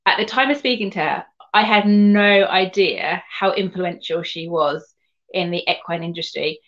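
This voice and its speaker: A guest from Surrey, England, who works as an equine sports massage therapist tells her story conversationally in an interview, rambling and rephrasing as she goes. She has a southern English home counties accent and a lowish, fairly bright voice with fairly even intonation at a moderate pace. The recording sounds muffled.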